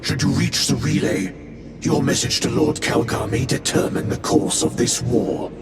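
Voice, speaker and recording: An actor voices a severe male warrior chaplain in a game cutscene, delivering cold, admonishing pronouncements in a stern mood. His voice is natural and creaky at a moderate pace. The game scene echoes, with rumbling noise.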